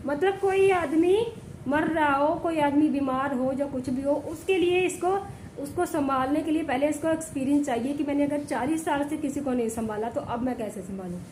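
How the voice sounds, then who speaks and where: A woman's voice: high-pitched, moderate pace, a little mellow, reverberant, slight background noise, low-quality recording. A woman vlogging at home while sick with a fever, complaining at length and often checking in with viewers. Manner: complaining, repeats herself, keeps asking "ठीक है?". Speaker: village vlogger. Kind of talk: casual vlog talk to camera. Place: home indoors.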